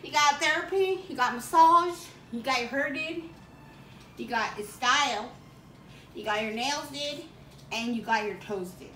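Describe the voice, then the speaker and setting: A woman's voice: high voice, a little slow, sharp tone. A woman playing a boastful salon stylist in a comedy sketch, with sassy, theatrical drag-queen manner and honey-this, girl-that talk. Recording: echoey room with faint background noise.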